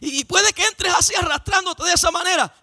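A man preaching in a church service with a strikingly high-pitched voice. His tone is bright and ringing, and he delivers his sermon with passion, often rising into shouts and a sing-song cadence. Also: brisk, faint music behind. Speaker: pastor.

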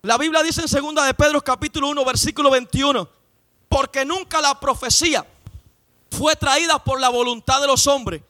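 A man preaching in a church service with a strikingly high-pitched voice. His tone is bright and ringing, and he delivers his sermon with passion, often rising into shouts and a sing-song cadence. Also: moderate pace. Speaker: pastor.

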